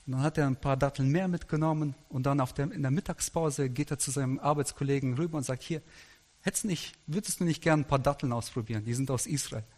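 A middle-aged male pastor preaching a sermon, telling stories with quoted dialogue in a lively anecdotal way. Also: medium pitch. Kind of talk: sermon storytelling. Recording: long hall reverb.

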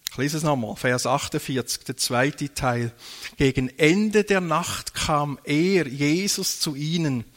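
Guy preaching a sermon, kinda high voice, unhurried, keeps repeating the key lines. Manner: deliberate, repeats key phrases for emphasis.

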